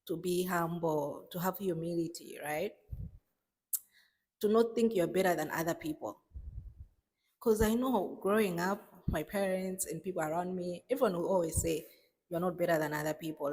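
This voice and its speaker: A young Malawian vlogger chats casually to camera in a monologue, emphatic and often laughing, repeating words for emphasis. Her voice is on the low side, darkish and slightly rough, and she is in a large hall.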